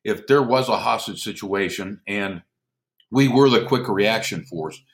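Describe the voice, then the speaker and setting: Low-voiced man telling war stories. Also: a little slow. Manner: lively anecdotal storyteller who chuckles often. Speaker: podcast guest, former military airman. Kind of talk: casual storytelling in a conversation.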